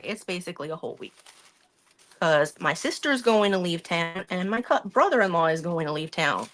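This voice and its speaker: A woman's voice: mid-range voice, fairly bright tone. A woman hosting a craft live stream, chatting casually and rambling about her week while she works at her craft table. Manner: chatty, rambling, talks through her hands-on work.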